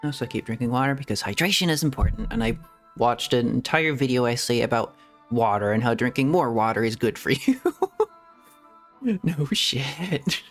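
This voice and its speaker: A VTuber streamer of medium pitch and moderate pace offers relaxed commentary on the game he's playing, chatting, rambling, and laughing a good deal. Soft game music runs in the background.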